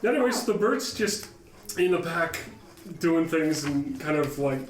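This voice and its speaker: A man's voice: a little high, a little slow. Laid-back male game master, roomy and distant. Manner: relaxed, laughing, loose with fillers. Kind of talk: narrating a tabletop game. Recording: roomy, distant mic, background noise.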